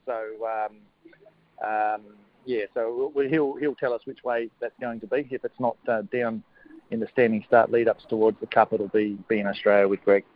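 A man giving a casual radio interview as a horse trainer, hesitant, matey and low-key. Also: fairly even intonation, normal speed. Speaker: harness racing horse trainer, interview guest. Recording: narrow, lo-fi phone-like line.

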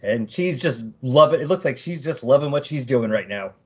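A man's voice: medium pitch, expressive, moderate pace, breathy edge, muffled recording. A male podcast co-host chatting about a comic issue and reading its captions aloud. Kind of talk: casual comic book discussion.

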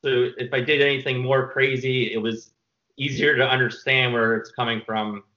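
Male filmmaker guest, bright voice, rambling casual storytelling, slightly muffled audio. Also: medium pitch, fairly even intonation, moderate pace, echoey room. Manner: rambling, restarts with many fillers.

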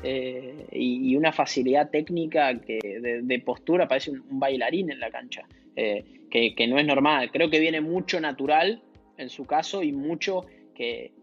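A man's voice: medium pitch, normal speed, husky, muffled recording, faint music behind. A man with an Argentine Spanish accent, a tennis player telling a story in a casual interview, with hesitant restarts. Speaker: guest, professional tennis player.

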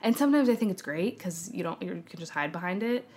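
A young American woman from San Francisco, a filmmaker and actor, chats as a podcast guest, giggling and acting out quotes as she tells stories. Her voice is lowish and a little mellow, with lively intonation and a quick pace, over slight background noise.

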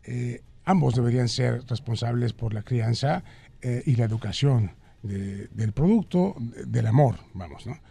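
A man's voice: mid-range voice, lively intonation, measured pace, creaky, mellow, husky. A man, a guest actor in a radio studio, joking and then answering earnestly. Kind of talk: playful studio chat.

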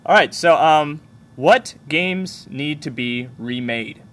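A man's voice: on the high side, a bit bright. A young man hosting a laid-back gaming podcast, talking casually. He chats loosely, stumbling and restarting his sentences as he thinks aloud. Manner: chatty, halting restarts. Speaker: podcast host, game store worker.

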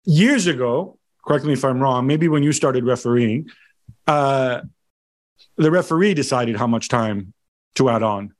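Man, medium pitch, inquisitive interviewer, conversational, clarifying questions. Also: expressive, a little slow.

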